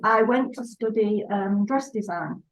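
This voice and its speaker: An older woman from England, a guest on a video call interview, recalling her life gently and pausing now and then. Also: medium pitch, low-quality recording. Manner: gentle and reminiscing, with small hesitations. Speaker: guest, artist. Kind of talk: interview chat.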